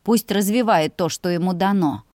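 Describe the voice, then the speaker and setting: A woman's voice: fairly low pitch, normal speed, a little mellow, no echo, close to an everyday voice. A weary middle-aged father grumbles in a storybook tale, voiced by a woman reading aloud. His tone is tired and plain, without flourish. The sound is dry and close. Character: gruff worried noble father, middle-aged.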